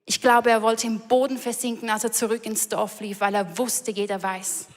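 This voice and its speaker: A woman's voice: fairly high pitch, little pitch movement, normal speed. A woman preaching a sermon in an earnest, emphatic way, repeating key lines. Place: large church hall. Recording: reverberant church hall.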